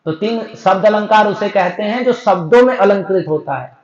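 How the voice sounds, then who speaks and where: A man teaching a scripture discourse, explaining step by step and chanting verses slowly. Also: high voice. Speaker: spiritual teacher. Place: temple hall. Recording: echoey, dull lo-fi recording.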